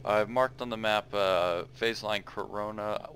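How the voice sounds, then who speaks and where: A man's voice: on the low side, measured pace, a bit bright, slight background noise. A man acting as radio operator in a military simulation game, mixing procedural calls with casual chat, his phrasing somewhat hesitant.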